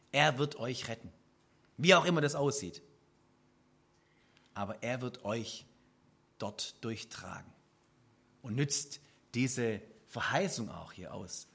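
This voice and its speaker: A man preaching a sermon to a congregation in an earnest, lively way, softening his voice for quoted prayers. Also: medium pitch. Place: church service.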